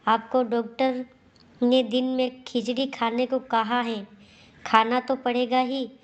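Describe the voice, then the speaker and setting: A dutiful young daughter-in-law answers politely and patiently, voiced by a woman narrator. Her voice sits fairly high and level, unhurried. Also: muffled recording. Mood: calm. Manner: calm, polite.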